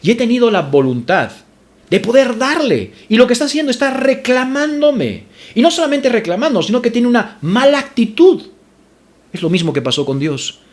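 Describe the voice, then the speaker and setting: A man's voice: extremely high pitch, sing-song, moderate pace. A male pastor preaching a sermon to his congregation, addressing them as brothers, repeating scripture references and rising sharply when indignant.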